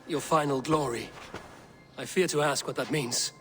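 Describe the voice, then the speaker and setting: A man's voice: on the high side, steady tone, normal speed, a bit bright, a little hiss or hum, close to an everyday voice. A man playing a proud, defiant Viking warrior in a video game cutscene, with a blunt, grave delivery. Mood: troubled, questioning. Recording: reverberant, music behind.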